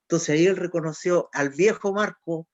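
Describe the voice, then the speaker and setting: A man in casual conversation, reflective and measured as he recalls and paraphrases what was said. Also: a little high, no echo. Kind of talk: casual chat. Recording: dull lo-fi recording.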